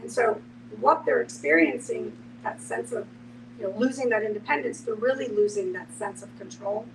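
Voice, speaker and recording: On a podcast panel, a woman reflects aloud within a group discussion, frequently dropping in "you know." Her voice sits in the mid range and moves at normal speed. Sound quality suffers from noise, a faraway mic and a background hum.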